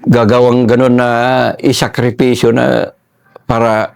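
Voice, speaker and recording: Older guy w/ a gravelly voice, ex-soldier spinning a story, jumps into voices for the people he quotes. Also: mid-range voice, unhurried. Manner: animated, acts out quoted dialogue in a raised voice. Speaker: former soldier guest. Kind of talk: casual storytelling interview.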